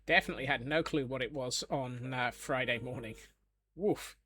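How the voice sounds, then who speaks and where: A Scottish man chats casually on a live gaming stream, joking with viewers and answering their questions. His mid-range voice is pushed and bright, and he speaks at a moderate pace.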